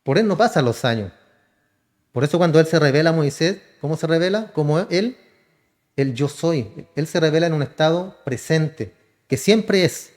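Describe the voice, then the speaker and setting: A man's voice: fairly high pitch, animated, normal speed, darkish tone. A man, a pastor preaching a sermon, often calling listeners "hermano" and answering his own questions. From Chile. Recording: church hall reverb.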